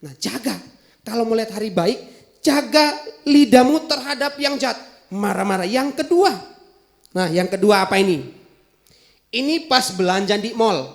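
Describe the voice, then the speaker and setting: A man with a Javanese accent teaching a children's Bible lesson in an animated way, asking questions as he goes. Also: high voice, moderate pace, long pauses. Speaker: Sunday school teacher.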